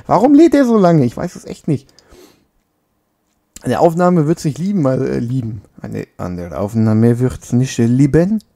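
Gravelly man chatting over a game. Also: a little high, mellow. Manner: chatty, joking, scolds the game character. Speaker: let's play gamer. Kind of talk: casual gameplay commentary. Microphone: makeshift home mic setup.

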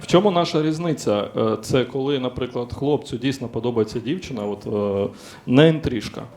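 A man's voice: mid-range voice, fairly quick, a little mellow, slight background noise. A man performing a stand-up comedy set on stage, blunt and crude, acting out dialogue in his punchlines. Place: comedy stage in front of a live audience. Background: background music track.

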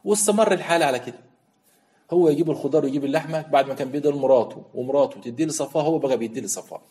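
A man's voice: a little high, racing, warm tone. A man with an Egyptian Arabic accent, hosting a show and telling a listener's story with emphatic, indignant rhetorical questions. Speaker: show host. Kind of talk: storytelling commentary.

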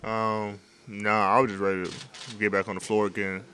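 A young man speaks in a deep voice that hardly rises or falls, answering questions after a game. He talks in a laid-back way, with many fillers and restarts. He is recorded in a locker room with several handheld reporter mics held up to him. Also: little pitch movement, moderate pace, bright, forceful tone, slight background noise. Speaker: basketball player at postgame interview. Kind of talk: postgame press interview.

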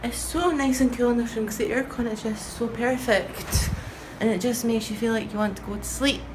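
A woman's voice: a little high, normal speed. Young woman vlogging in an echoey, noisy room. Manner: informal, rambling, self-questioning. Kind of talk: casual vlog chat. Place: indoor rooms, echoing. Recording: echoey room with loud background noise.

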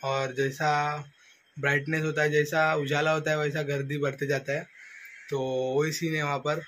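A young man chatting casually to his phone camera as a vlogger, in a relaxed, chatty way. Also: a little high, moderate pace, a little hiss or hum. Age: young adult. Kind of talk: casual vlog talk. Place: night street market outdoors, then indoors at home. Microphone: phone camera at arm's length.

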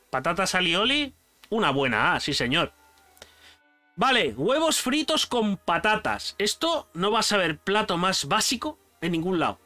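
Animated young Spanish man, high lively voice. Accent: Spain Spanish. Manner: animated, slangy, addresses viewer as "tío". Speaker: YouTuber ranking foods. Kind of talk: casual chat, food tier list.

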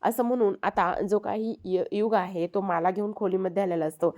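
A woman's voice: medium pitch, fairly even intonation, moderate pace, darkish tone. A woman narrating a TV serial episode recap, retelling each scene step by step and reading the characters' lines aloud.

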